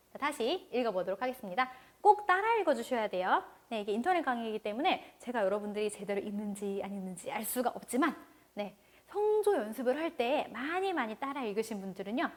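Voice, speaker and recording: High-voiced woman teaching a language lesson. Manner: patient, repeats words slowly for learners to follow. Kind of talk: online language lecture.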